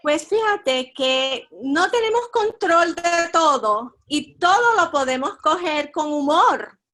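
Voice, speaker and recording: A woman's voice: high voice, lively intonation, takes it slowly, a bit bright. A woman with a Puerto Rican Caribbean Spanish accent, sharing thoughts conversationally as a workshop participant. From Puerto Rico. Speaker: workshop participant, adult educator.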